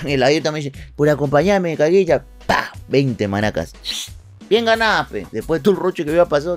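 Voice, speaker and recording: Peruvian podcast host, male, high animated voice, rapid slang-heavy yarn-spinning with soft music under it. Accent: Peruvian Spanish, Lima slang. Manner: swaggering street slang, acts out friends' voices. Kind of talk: comic storytelling monologue.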